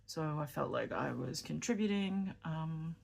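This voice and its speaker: A deep, darkish female voice with vocal fry, expressive but measured in pace, carries a New York accent. The speaker is a fountain pen vlogger from New York who chats casually and rambles a little while writing in a notebook, correcting herself and murmuring as she writes.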